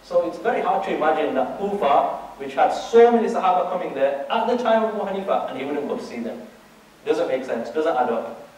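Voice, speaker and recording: A man gives a religious lecture in a strongly echoing room, his voice slightly high and set well back from the microphone. He keeps turning to his listeners with rhetorical questions and checks. He often restarts and repeats words as he goes. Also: expressive, fairly quick, a little mellow. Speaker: Islamic teacher. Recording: very echoey room, distant mic.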